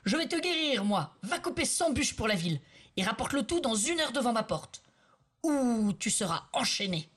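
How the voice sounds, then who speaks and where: A woman voicing a brutal, scornful male village overseer who shouts at peasants, in a storybook reading. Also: on the low side, fairly quick, hardly any pauses, slightly rough. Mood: harsh yelling.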